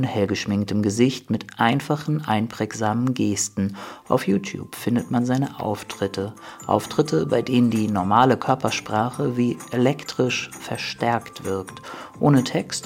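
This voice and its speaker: A man's voice: medium pitch, gravelly. A man narrating a radio feature in a wry, lightly self-mocking way.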